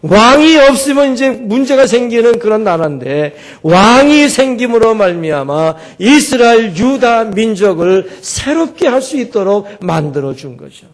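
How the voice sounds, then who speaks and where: Man, pastor, high voice, emphatic sermon, loud exclamations. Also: sing-song, moderate pace, hardly any pauses. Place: church.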